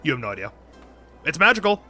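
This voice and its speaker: A man narrating as dungeon master over a voice call, halting and restarting often. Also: fairly high pitch, big pitch swings, sharp tone, faint music behind. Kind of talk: running a tabletop game.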